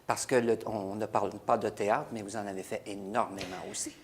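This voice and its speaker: A man hosting a talk show, asking questions in a soft, measured way. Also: on the low side, steady tone. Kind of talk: interviewing a guest.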